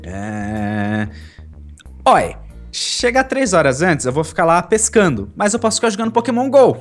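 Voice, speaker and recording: A man's voice: high voice, normal speed, faint music behind. A young man from Brazil co-hosting a gaming video, joking and bantering playfully. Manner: playful, lively, jokey. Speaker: gaming channel co-host. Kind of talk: casual gameplay banter.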